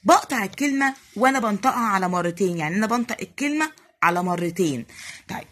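A woman with an Egyptian Arabic accent teaching English to young primary pupils, stretching out each English word slowly and clearly. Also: mid-range voice, lively intonation, fairly bright tone. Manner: slow, drawn-out spelling of English words for young pupils. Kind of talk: recorded classroom lesson.

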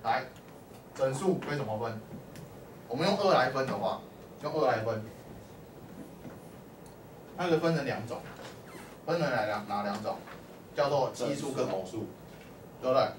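A man's voice: medium pitch, lively intonation, moderate pace, pauses often. A man teaching a math class, quizzing his students and prompting them with short calls to answer. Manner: constantly quizzes the class, peppering speech with "lai" and "o" prompts. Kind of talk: classroom lecture. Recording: echoey classroom from far off with faint hum.

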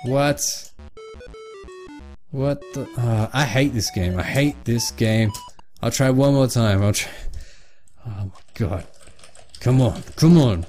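A man's voice: mid-range voice, takes it slowly, long pauses, soft background music. Exasperated man swearing at a game. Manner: exasperated, swearing, loud outbursts. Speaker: let's play host. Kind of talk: casual game commentary.

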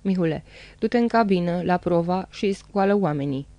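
A woman's voice: fairly low pitch, dark tone, no room sound, lightly acted. A woman voicing a firm ship captain. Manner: commanding, firm. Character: calm commanding male ship captain.

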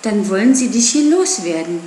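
A woman voicing a calm, measured old male wolf. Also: mid-range voice, reverberant, a little hiss or hum, close to an everyday voice.

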